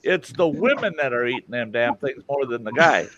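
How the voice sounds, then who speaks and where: A man's voice: mid-range voice, very animated, normal speed, fairly bright tone, highs cut off. A man chatting casually in a joking manner.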